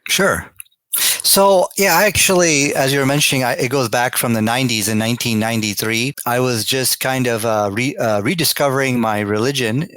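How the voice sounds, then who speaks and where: A man from Pakistan talks as a podcast guest. He rambles with many restarts and grows animated as he talks. His voice sits at a middle pitch and sounds dry and close to the mic. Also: moderate pace, no room sound. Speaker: guest debater. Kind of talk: casual interview talk.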